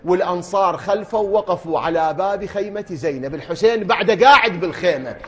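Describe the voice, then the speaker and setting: A man's voice: high-pitched, fast, a bit bright. A man with an Iraqi accent preaching a mourning sermon, telling the story dramatically and rising into chanted recitation. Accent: Iraqi Arabic. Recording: echoey room.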